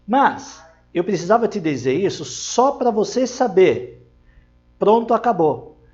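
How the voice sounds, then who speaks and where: Man, English teacher, high-pitched, step-by-step pronunciation lesson, muffled lo-fi audio. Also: very animated, a little mellow, faint music behind. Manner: explains pronunciation step by step, models English words slowly; frequent checking tags to the viewer. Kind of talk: online language lesson.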